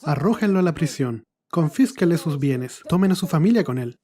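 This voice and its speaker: A man voicing a stern, demanding master from a parable in a sermon, speaking in a lower, quieter, scolding way. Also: animated, moderate pace, close to an everyday voice.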